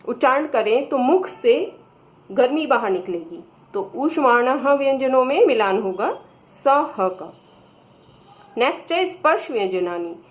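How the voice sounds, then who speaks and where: A woman teacher, patiently reading out exercise questions to children and explaining each answer. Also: sits high. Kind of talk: slow explanatory lesson.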